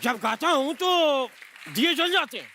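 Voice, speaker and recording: Brief: man, very high comic voice, slow deliberate delivery, loud audience laughter and music behind. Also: animated, a faint crowd, slight background noise. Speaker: comedian performing a sketch. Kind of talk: live comedy sketch with singing. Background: studio audience laughing and band music.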